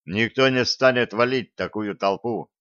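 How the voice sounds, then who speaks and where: A man voicing a rough, hot-tempered male gang leader in an audiobook, with coarse, slangy threats. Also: lowish voice, normal speed, fairly bright tone, no echo, muffled recording, natural voice. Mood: gruff. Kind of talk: audiobook character voice.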